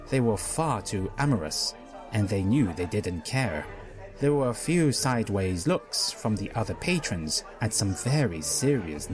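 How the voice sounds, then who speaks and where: Lively male storybook narrator. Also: lowish voice. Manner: expressive storytelling. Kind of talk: dramatic fanfic reading.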